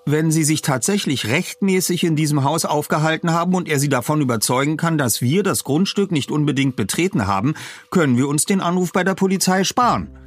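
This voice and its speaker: A man's voice: on the high side, lively intonation, brisk, no room sound, voice pushed up. A man voicing a pedantic teenage boy detective who stammers and lectures formally. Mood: lecturing.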